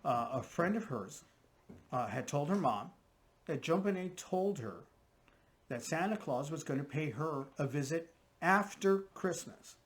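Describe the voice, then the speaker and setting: Lively intonation and a fairly high pitch mark this man's unhurried delivery. As a guest profiler, he explains his theory casually and keeps checking in with "right?" and "okay?".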